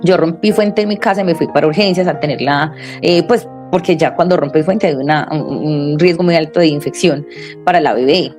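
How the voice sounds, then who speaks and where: A woman speaking quickly in a fairly low voice as she recounts her own experience to an interviewer. She slips into the voices of others she quotes, keeping the telling lively. Soft music plays faintly underneath. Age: adult mother. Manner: lively, acts out quoted dialogue. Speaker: interview guest. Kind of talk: personal storytelling in conversation.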